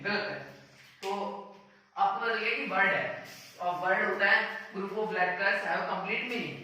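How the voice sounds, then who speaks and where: A man with an Indian English accent teaches an English lesson in a bright, ringing voice that sits fairly high. He asks his own questions and answers them, repeating each key word. He is recorded from a distance in a very echoey room. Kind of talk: classroom-style lesson.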